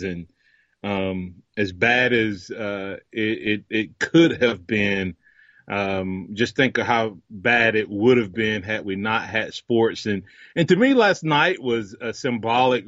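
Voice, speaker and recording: A man's voice: on the low side, a bit bright, no room sound. A man from North Alabama co-hosting a sports radio show, talking folksy and casual with hesitant fillers. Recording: slightly dull studio broadcast sound.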